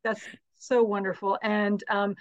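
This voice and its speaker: A woman's voice: mid-range voice, level tone, a little slow, no room sound, lo-fi sound. A woman hosting a talk show interview, effusive and full of praise for her guest.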